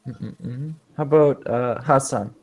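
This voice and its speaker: A man leads an English speaking class. He walks through words slowly and patiently, giving examples, in a voice of ordinary, mid-range pitch. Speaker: English teacher. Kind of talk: online language class.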